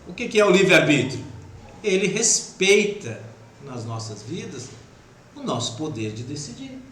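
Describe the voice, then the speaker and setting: A man with a Brazilian Portuguese accent giving an informal spiritist talk, acting out everyday speech in quick quoted asides. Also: fairly high pitch, sing-song, fairly bright tone. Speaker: spiritist lecturer. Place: spiritist center hall. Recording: echoey room with faint noise.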